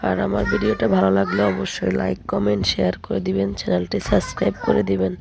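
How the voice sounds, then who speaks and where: A woman, hoarse from a cold, chatting to her viewers as friends in a casual food voice-over. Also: mid-range voice, completely flat delivery, fast talker, noisy background. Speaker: food vlogger.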